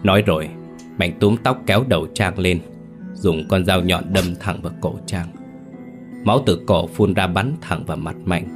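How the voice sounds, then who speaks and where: Male narrator, very deep voice, somber story reading, soft music behind. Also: normal speed. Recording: faint background music.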